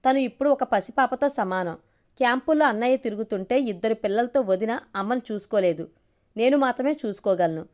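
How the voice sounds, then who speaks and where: A woman's voice: fairly high pitch, fairly quick, a little mellow, natural voice. A woman voicing a firm, dignified middle-aged wife and mother in a storybook reading, arguing in a reproachful way.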